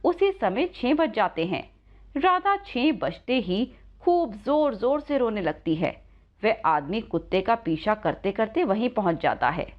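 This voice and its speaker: A woman telling a moral story with lively, expressive narration. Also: on the high side, measured pace, dull audio.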